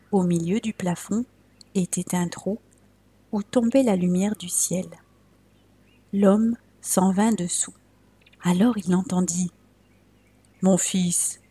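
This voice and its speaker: Unhurried woman reading a tale aloud, soft and slow, some whispering. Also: lowish voice, husky. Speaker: storyteller. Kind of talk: read-aloud fairy tale narration.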